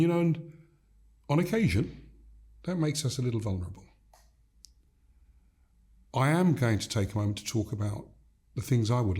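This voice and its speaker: This older leadership coach from Gambia talks as an interview guest in a reflective conversation. Measured and emphatic, he builds his points through repeated phrases, and his medium-pitched voice sounds mellow and warm.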